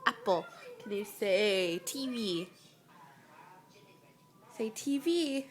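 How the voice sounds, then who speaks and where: A mother in a home video, patiently coaxing her toddler to repeat words, saying each one slowly and clearly. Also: medium pitch, sing-song.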